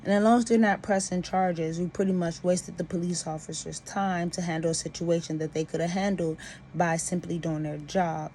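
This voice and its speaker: A woman's voice: fairly low pitch, steady tone, moderate pace, mellow, a little hiss or hum. A woman venting about personal grievances to camera in an emphatic, aggrieved way.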